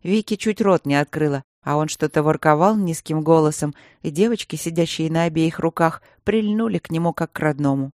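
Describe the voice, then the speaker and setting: Audiobook narrator, steady, even, mid pitch, dry close sound. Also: brisk, hardly any pauses, no echo. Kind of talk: scripted narration.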